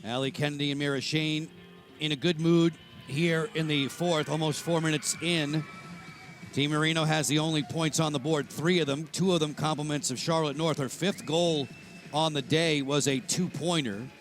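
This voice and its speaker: A man doing play-by-play commentary for a live lacrosse broadcast, with a steady, informative delivery. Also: fairly high pitch, moderate pace, soft background music, low-quality recording.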